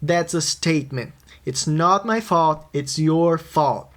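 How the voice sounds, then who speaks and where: A man's voice: on the high side, slow pace, fairly bright tone. Guy teaching how to write song lyrics, explains step by step, asks himself questions then answers. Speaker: music producer teaching songwriting. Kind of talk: scripted tutorial narration.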